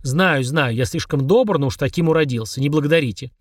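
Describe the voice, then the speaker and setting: A man's voice: on the high side, a little fast, dry recording, natural voice. A man voicing a small, spiteful, grumpy demon who grumbles and snaps sarcastically, in a dry close recording. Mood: grumbling. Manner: grumbling, sneering, snapping.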